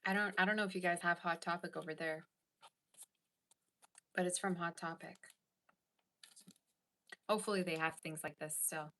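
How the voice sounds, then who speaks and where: This tarot reader has a low, sharp voice with fairly even intonation, speaking at a moderate pace and pausing often. Chatty and casual, she reads her viewers' live chat aloud and responds as she goes.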